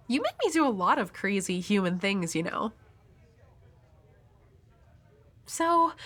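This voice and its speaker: A woman's voice: a little high, a bit bright, exaggerated voice. Himeno, a woman playing a flirty, world-weary devil hunter. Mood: flirty, teasing. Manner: teasing, coy, breathy at times. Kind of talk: intimate audio roleplay addressed to the listener.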